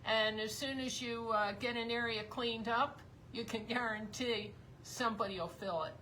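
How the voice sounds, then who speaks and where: A woman chats her way through a live craft stream, her voice bright and a touch tense. She rambles and teases her husband with little laughs, and her voice is slightly giving out. A faint hum sits behind her. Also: a little high, steady tone, moderate pace, low-quality recording. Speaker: craft show co-host. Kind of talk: casual live-stream chat. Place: basement tavern room of a house.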